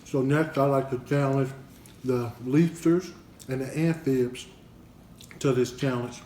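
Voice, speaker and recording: A man casually vlogging an eating challenge for his family channel, talking in a relaxed, unhurried way with plenty of fillers. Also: medium pitch, reverberant, a little hiss or hum.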